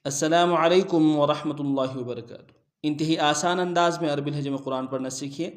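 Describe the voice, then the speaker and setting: A man teaching Quran recitation, rattling off pronunciation rules one after another in a step-by-step lesson. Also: fairly high pitch. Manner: rapid, instructive, drilling rules one by one. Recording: roomy echo.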